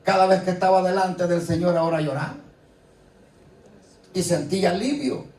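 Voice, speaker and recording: Sitting high, fairly even in intonation, a little mellow, and at normal speed, this man's voice delivers a sermon in a church. He talks conversationally and frequently asks the congregation rhetorical questions, recorded distantly in an echoey hall with faint ambience and congregation responses.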